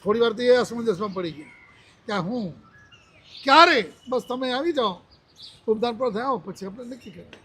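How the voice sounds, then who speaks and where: High-voiced older monk telling his story. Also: animated, normal speed, pauses often, bright, forceful tone, slightly rough. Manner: storytelling, acting out quoted dialogue. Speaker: Jain monk. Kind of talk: religious discourse with personal story.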